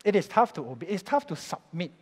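Singaporean pastor preaching in a reverberant hall. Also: male voice, high voice, sing-song, fast, a little mellow, slightly rough. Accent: Singaporean English. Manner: storytelling, acts out bosses and workers in quoted voices. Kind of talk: sermon. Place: church hall.

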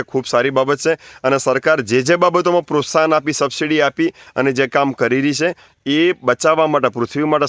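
A man's voice: medium pitch, fairly bright tone, no room sound, studio quality. A man giving an earnest, preachy spoken appeal to keep cows, repeating his points and urging listeners. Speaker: natural farming advocate.

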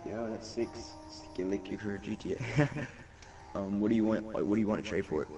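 Young man, low and gravelly, slangy live-stream banter, set back from the mic under loud game music. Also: steady tone, moderate pace, recorded from a distance. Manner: hyped, slangy, reads chat aloud. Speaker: gaming streamer. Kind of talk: casual live-stream chat.

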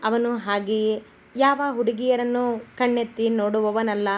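A woman narrating a romantic story in a steady, unhurried storybook reading. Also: on the high side.

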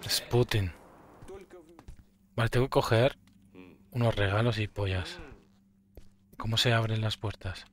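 A man from Spain with a Murcian accent, commenting on a game he is playing, breaking into loud surprised swearing and laughter. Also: on the low side, steady tone, measured pace, long pauses. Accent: Murcian Spanish. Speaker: gaming streamer. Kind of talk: gameplay commentary.

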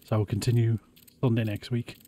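Guy doing casual game stream commentary, mellow voice, middling pitch. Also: flat delivery, quick pace. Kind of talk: casual live gameplay commentary.

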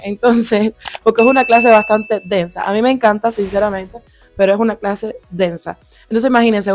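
A young woman from Cuba with a Cuban Spanish accent, slightly hoarse, chatting animatedly through a storytime vlog into a small handheld mic in a small home room. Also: mid-range voice. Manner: chatty, animated, lots of fillers and asides. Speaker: vlogger. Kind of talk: casual storytime. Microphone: handheld lavalier mic near mouth.

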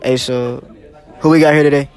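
A teenage boy filming a casual vlog at school, asking classmates quick questions in loud slangy banter. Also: mid-range voice, steady tone, soft background music. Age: teens. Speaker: student vlogger. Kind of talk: casual street interviews. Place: school hallways and outdoors. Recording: loud crowd chatter.

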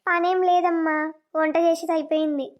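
A woman voices a kind, soothing mother-in-law from a village cartoon, speaking gently and caringly in a very high voice. Her tone stays level and her pace is a little fast, and the audio sounds dull and lo-fi.

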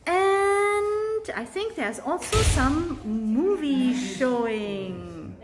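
A woman's voice: high voice, expressive, drawn-out words, a crowd in the background. A woman filming a cheerful, chatty travel vlog around a resort, often laughing as she shows things to the camera. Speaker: vlogger. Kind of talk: casual vlog narration. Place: resort room and grounds.

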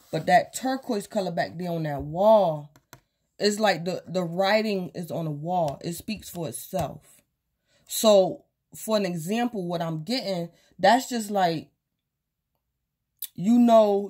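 Her voice is on the low side and dark in tone. This worn-out woman, voice fading, rambles through a casual tarot reading in a small room at home with cards and crystals on the table, repeating herself and using many fillers.

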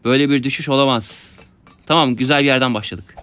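A young man giving excited let's-play commentary, talking to his viewers and yelping at his mishaps. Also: mid-range voice, quick pace, dry recording. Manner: excitable, yelps and laughs at mishaps, talks to viewers. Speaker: gaming YouTuber.

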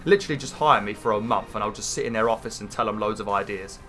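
A man's voice: fairly low pitch, fast, a bit bright, faint music behind. Nasal British man, pinched-nose gaming commentary. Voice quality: nasal, like holding his nose. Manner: informal, rambling, sweary. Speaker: gaming video host. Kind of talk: casual gameplay commentary.

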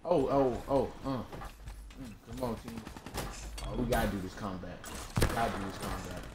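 A young man giving excitable, joking commentary on his own gameplay, yelping and shouting at the screen. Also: on the low side, moderate pace, very noisy. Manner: excitable, yelps and jokes at the screen. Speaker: gaming video creator. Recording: echoey room with loud gunfire.

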